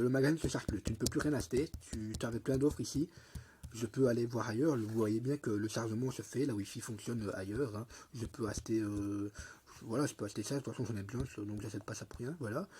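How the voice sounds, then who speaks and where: Husky young man with a cold. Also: mid-range voice, mellow. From Belgium. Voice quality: lisp. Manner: rambling, slangy, hesitant. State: congested with a cold. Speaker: mobile game YouTuber. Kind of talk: casual tutorial commentary.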